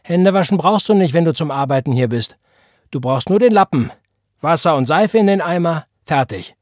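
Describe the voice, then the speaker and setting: A man voicing a slight, cheeky younger teenage boy who answers back in a high voice. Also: expressive, fast, dark tone, slightly rough, dry recording, studio quality. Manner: cheeky comebacks, high strained voice.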